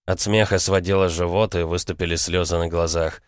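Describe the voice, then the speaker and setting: A man narrating a fantasy audiobook in a steady, even reading. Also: sits low, brisk, no echo, clean studio sound. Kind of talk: scripted fiction narration.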